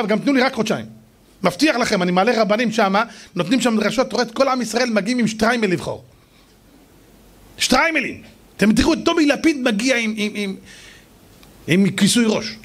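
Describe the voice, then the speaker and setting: A middle-aged man, a rabbi, telling stories in a lively sermon and acting out the people in them. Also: sits high. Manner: animated, acts out shouting voices, jokes with audience. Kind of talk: storytelling sermon.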